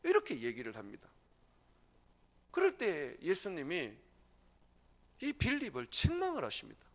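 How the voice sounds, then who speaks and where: A man preaching a sermon as pastor, emphatic, with sudden loud, high bursts. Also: wildly swooping pitch, moderate pace.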